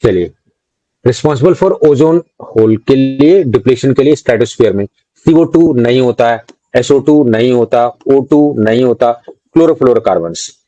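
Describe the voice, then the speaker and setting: Indian male teacher, dark dry voice. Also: medium pitch, dry recording, low-quality recording. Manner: quizzing students, mixing English terms into speech; reads out student names and answers, scolds jokingly. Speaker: exam prep teacher. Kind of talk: live online quiz class.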